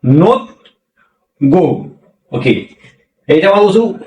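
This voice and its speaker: Taking it slowly, a man with a high, expressive, darkish voice explains pronunciation rules in a language lesson, one step at a time. He is repetitive, asking questions and supplying the answers himself, recorded with a distant mic in an echoey space.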